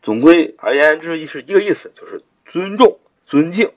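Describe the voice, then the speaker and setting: A man's voice: on the high side, animated, normal speed. A man teaching English vocabulary in a recorded lesson, repeating words and spelling them out letter by letter. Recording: dull lo-fi recording.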